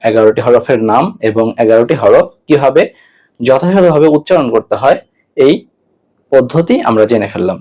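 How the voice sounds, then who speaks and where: A man's voice: medium pitch, expressive, moderate pace, darkish tone. A man teaching an online Quran lesson, patiently giving step-by-step mouth instructions and repeating each letter sound three times.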